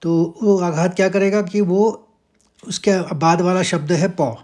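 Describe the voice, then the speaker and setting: A man teaching how to pronounce a Sanskrit verse, breaking words into sounds and chanting each line slowly. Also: sits high. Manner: explains syllable by syllable, chants verses slowly and louder. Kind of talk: slow pronunciation lesson with chanted verse.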